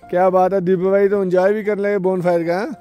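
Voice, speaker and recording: A man's voice: high-pitched, level tone, fast, mellow, faint music behind. A man in his forties filming and chatting at an outdoor campsite at night, joking and laughing often. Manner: jokey, laughs often, keeps up the banter. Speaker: vlog co-host. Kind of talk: casual vlog chat.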